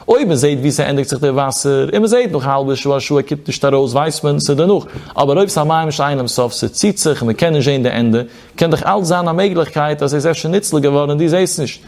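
A man's voice: a little high, lively intonation, a little fast, hardly any pauses, darkish tone. A man giving a Talmudic study lecture as a religious teacher, in a sing-song study cadence that swoops up and down.

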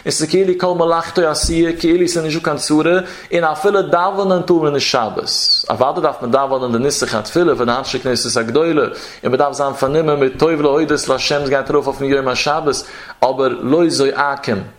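Chanting teacher, higher voice. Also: male voice, fairly even intonation, a little fast. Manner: sing-song study chant, reading Hebrew passages and explaining them. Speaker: Torah teacher. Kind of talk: traditional Talmudic lecture.

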